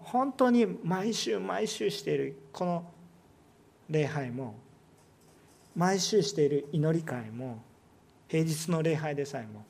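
A male pastor with a Kansai accent preaching a sermon, swinging between loud emphatic lines and hushed ones and putting rhetorical questions to the congregation. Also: fairly high pitch, gravelly. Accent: Kansai Japanese.

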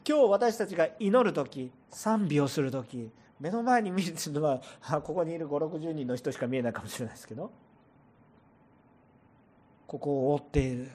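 Animated pastor preaching, lively pitch. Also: male voice, moderate pace, slightly rough. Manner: animated, asks the congregation rhetorical questions. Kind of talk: sermon. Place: church service before a congregation.

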